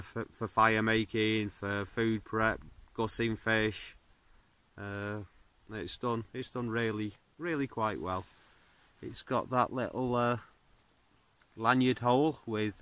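Slow-talking man outdoors. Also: lowish voice. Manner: relaxed, unhurried, many fillers and restarts. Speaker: bushcraft video host. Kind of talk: casual gear review. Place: birch forest outdoors, smoky campfire. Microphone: phone or camera at arm's length.

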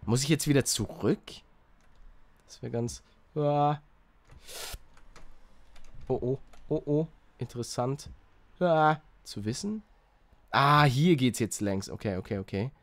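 A young man doing excitable Let's Play commentary, yelping at failures and mixing in English slang. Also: medium pitch, slow pace, long pauses. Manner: excitable, shouts and yelps at failures; mixes English slang into his talk. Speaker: gaming YouTuber.

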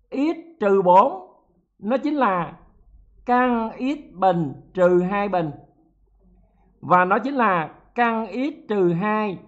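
A male math teacher leading an exam-prep lesson, lively and joking, checking in with students often. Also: sits high, lo-fi sound.

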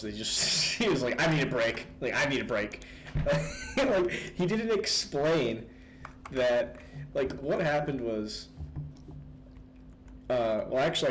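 A man's voice: medium pitch, slight background noise. A young man chatting casually about a game, rambling with lots of fillers and laughing often. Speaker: gaming video host. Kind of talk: casual gaming chat.

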